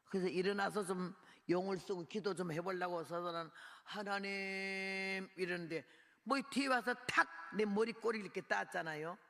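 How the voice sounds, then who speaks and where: Woman preacher, gravelly voice, dramatic sermon storytelling, echoing hall. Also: fairly low pitch, a little fast, a bit bright. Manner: dramatic storytelling, acting out her own cries and prayers. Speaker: missionary preacher. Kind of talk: sermon testimony. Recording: reverberant hall sound.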